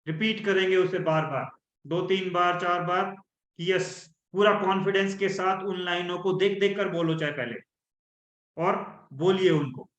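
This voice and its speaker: A man coaching an online workshop on a video call, animated and acting out the tones he describes. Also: high-pitched, a little slow. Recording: echoey room, dull lo-fi sound.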